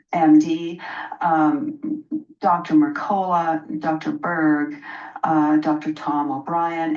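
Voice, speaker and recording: A woman's voice: on the low side, a little mellow. A woman in her sixties speaking as a radio interview guest, explaining in a personal, conversational way and stressing points through repetition. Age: 60s. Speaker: interview guest, health practitioner. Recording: dull, roomy, distant microphone sound.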